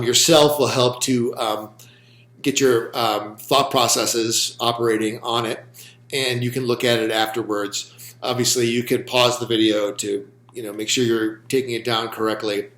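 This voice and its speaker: A man giving a recorded philosophy lecture, speaking slowly and deliberately with frequent ums. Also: medium pitch, level tone, a bit bright. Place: room with a whiteboard. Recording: roomy echo.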